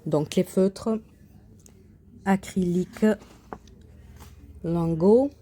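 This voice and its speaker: A craft channel host from Quebec shows off her coloring and embroidery in a casual show-and-tell vlog, full of hesitations, fillers, and restarts. Her lowish voice is mellow, with drawn-out words.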